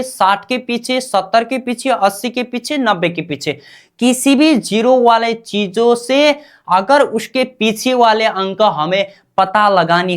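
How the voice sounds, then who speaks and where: Woman language teacher, unhurried delivery, quizzes and answers herself, drills each word again and again. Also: mid-range voice. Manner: asks questions and answers them herself, repeats each term. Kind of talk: slow call-and-response lesson.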